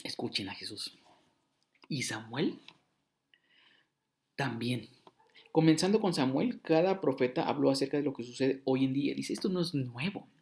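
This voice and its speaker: A man's voice: medium pitch, lively intonation, normal speed, creaky, pauses often. Male preacher, mid-range voice, casual teaching delivery, dramatizes dialogue. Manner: conversational, acts out short dialogues with shifting voice and loudness. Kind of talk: casual Bible teaching sermon.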